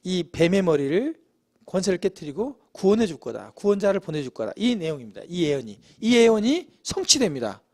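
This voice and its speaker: A man's voice: sits high, a little mellow. A man preaching a Bible study lesson in a church, asking the congregation questions and acting out quoted lines. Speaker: lay preacher.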